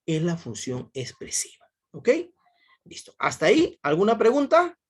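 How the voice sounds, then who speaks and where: A man's voice: high-pitched, wildly swooping pitch, normal speed, husky. A male teacher giving a class over a video call, repeating himself often and quizzing his students. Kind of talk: online class lecture.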